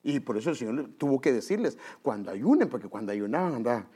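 A man preaching in with a slightly husky voice. His pitch swings widely as he talks straight to the congregation, calling them brothers. He acts out little scenes as he goes. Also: fast talker. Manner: animated, acts out quotes in high voices; conversational, addresses listeners as brother. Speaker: pastor. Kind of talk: preaching a sermon.

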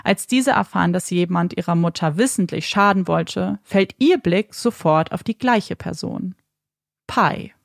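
A woman's voice: fairly low pitch, unhurried, vocal fry, no echo, clean studio sound. A woman narrating a true crime case in a scripted, dramatic storytelling manner.

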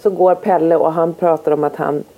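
A woman chatting casually as a co-host and telling lively anecdotes, acting out what others said. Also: low voice, poor audio. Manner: lively storyteller who acts out what others said. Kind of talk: casual chat.

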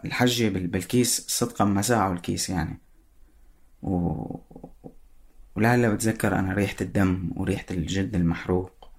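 A man with a Syrian Arabic accent giving personal spoken testimony in a halting way, searching for words. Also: fairly low pitch, creaky.

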